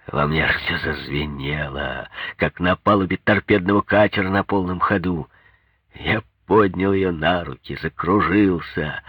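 A man's voice: low voice, creaky, sharp tone, husky, dry recording. A man reading a first-person story aloud in a wry, conversational manner. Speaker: narrator.

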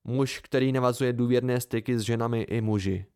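Guy reading a calm dry young man, measured and deliberate, audiobook. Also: mid-range voice, clear, resonant tone, lightly acted.

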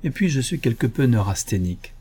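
A man voicing a suave, mocking gentleman burglar in an audiobook, ironic and self-assured, with a mellow, husky voice. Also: medium pitch, very animated, brisk. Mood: confiding.

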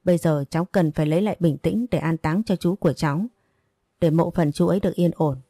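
A woman voicing a stern grown woman who firmly scolds and lectures a teenager, in a low voice. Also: fast, mellow, no echo, clean studio sound.

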